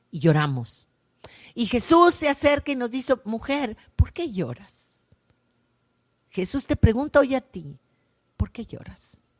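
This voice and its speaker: A woman gives a slow, prayerful gospel reflection as a worship leader, often softening to a hush at the ends of lines. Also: lowish voice.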